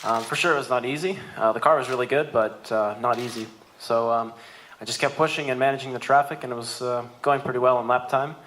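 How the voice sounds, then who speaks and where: Man, racing driver, fast talker, eager, press conference. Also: medium pitch, fairly even intonation, a bit bright. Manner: quick, eager telling, praising the team.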